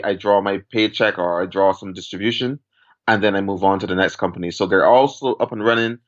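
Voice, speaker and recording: A man from Barbados in his forties, a podcast guest, explaining things in a measured way with step-by-step examples. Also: low-pitched. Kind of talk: conversational interview. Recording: dull lo-fi audio.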